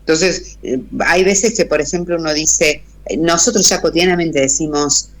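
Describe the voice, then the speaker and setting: A woman with an Argentine accent, a radio guest explaining an idea thoughtfully, pausing often with hesitations. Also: deep voice. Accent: Argentine Spanish. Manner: thoughtful, frequent hesitations and restarts. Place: radio studio.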